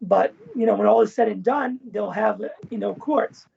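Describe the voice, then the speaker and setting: A man's voice: high-pitched, normal speed, creaky, a little hiss or hum. A man speaking as an interview guest in a casual, expansive way, often tagging his points with "right?" and "you know", heard over a muffled video call. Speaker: guest, former event manager and professor.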